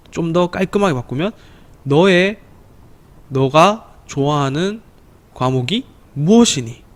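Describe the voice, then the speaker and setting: A man teaching a slow, patient online English lesson to children, repeating words and pausing with fillers. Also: fairly high pitch.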